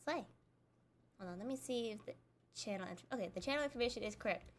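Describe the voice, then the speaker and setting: A woman's voice: on the high side, quick pace. A young adult woman chatting casually while she streams a video game, rambling and self-deprecating as she talks. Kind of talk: casual gameplay chat.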